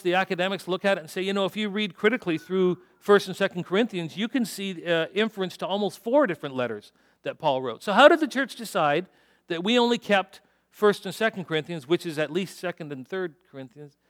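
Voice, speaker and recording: A man's voice: high voice, fairly bright tone. A middle-aged man preaching a sermon to a congregation, conversational and joking, asking his listeners questions. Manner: conversational, self-deprecating humor with audience questions. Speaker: pastor.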